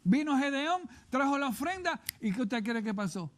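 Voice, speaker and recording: Male pastor with a Puerto Rican accent, high voice, emphatic, repetitive TV sermon delivery. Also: animated, normal speed. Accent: Puerto Rican Spanish. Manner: emphatic, repeats and urges listeners to read scripture. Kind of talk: televised sermon.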